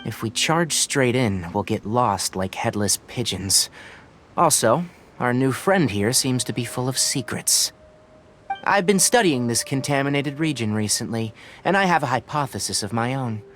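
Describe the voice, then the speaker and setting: A male actor voices a cautious young forest scholar in a video game, explaining things in a precise, analytical, instructive way over music. His medium-pitched voice is lively in intonation, moderately paced and a bit bright, close to an everyday voice. Slight background noise is present.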